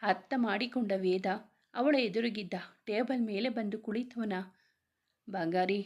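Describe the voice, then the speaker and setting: A woman's voice: on the high side, steady tone, moderate pace, darkish tone. Woman reading a romantic story.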